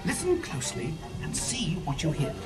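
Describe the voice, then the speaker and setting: A man acting as a wry scientist host at a theme park ride, with very lively, swooping delivery. He lectures theatrically and teasingly, heard from a distance under loud music. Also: a little high, normal speed. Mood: showy, inquisitive. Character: wry male scientist presenter guiding imagination experiments. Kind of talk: theme park attraction narration.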